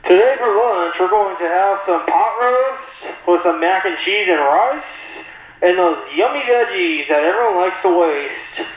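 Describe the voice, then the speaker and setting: A man making casual store announcements over a public-address loudspeaker, repeating each notice with "once again" and ending with "thank you.". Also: high voice, lively intonation, a little slow, lo-fi sound. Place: large store. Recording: echoey loudspeaker heard from far off.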